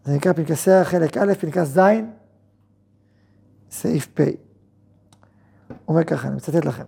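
A rabbi's voice thick with gravel and fry, deeply husky and rough at the edges, with a mellow, dark tone. He gives a Torah lesson, acting out both sides of everyday conversations with himself and firing off rhetorical questions. Between those exchanges he settles into quieter explanation. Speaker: rabbi and yeshiva head.

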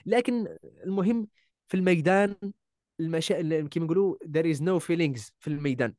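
A man's voice: a little high, brisk, a little mellow, no echo, studio quality. A young man with an Algerian Arabic accent, a voice-over artist talking casually as a guest, emphatic and repeating key words. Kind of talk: casual interview chat.

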